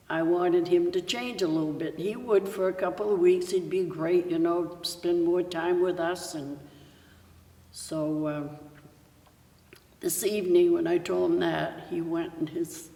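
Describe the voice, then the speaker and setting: An older woman giving a personal testimony at her church, telling her story slowly with many pauses. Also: on the low side, warm tone. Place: church sanctuary. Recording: echoey church hall from far off.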